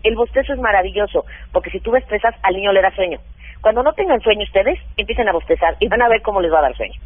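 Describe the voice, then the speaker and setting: A woman parenting expert giving practical advice in an animated, hands-on way during a radio interview, heard over a phone line. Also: medium pitch, quick pace, dry recording. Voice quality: practical, animated, acts out what mothers say.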